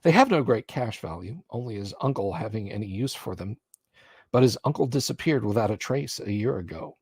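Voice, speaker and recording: A man's voice: on the low side, animated, brisk, a little mellow, slightly rough, no room sound. Dry-sounding man running a tabletop game. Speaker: game master and streamer. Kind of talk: live tabletop game narration, reading aloud and commenting.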